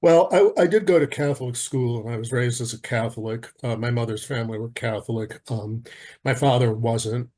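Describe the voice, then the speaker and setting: A man in his sixties from the United States, answering interview questions in a hesitant way with many pauses and restarts. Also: lowish voice, a little mellow, breathy edge. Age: 60s. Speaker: guest.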